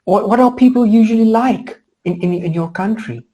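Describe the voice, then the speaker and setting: A woman's voice: medium pitch, normal speed, dark tone. A woman from South Africa with a South African accent, tutoring English in a chatty, upbeat way over a video call, often saying "alrighty". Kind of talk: online lesson chat.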